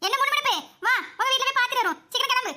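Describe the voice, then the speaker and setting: A woman's voice: very high-pitched, racing, pushed and bright, slight background noise, heavily acted. A woman voicing a stern schoolteacher in a comedy cartoon, skeptical and questioning, giving firm orders.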